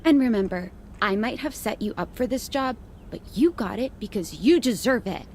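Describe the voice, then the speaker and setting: A woman's voice: on the high side, lively intonation, moderate pace, a little mellow, slight background noise. An actress playing a supportive, teasing female best friend in a game. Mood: encouraging.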